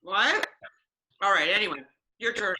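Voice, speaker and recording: A woman co-hosting a comedy podcast, reading fan fiction aloud with playful, animated delivery and chatting casually. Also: medium pitch, a little slow, background noise. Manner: animated, playful, acts out dialogue. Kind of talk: comic dramatic reading and casual chat.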